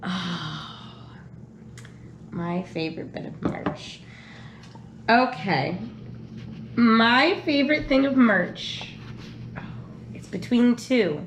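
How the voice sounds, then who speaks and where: A woman co-hosting a casual question game, chatty and thinking aloud with frequent pauses. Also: fairly high pitch, expressive. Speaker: channel co-host answering questions. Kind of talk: casual chat. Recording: echoey room with faint noise.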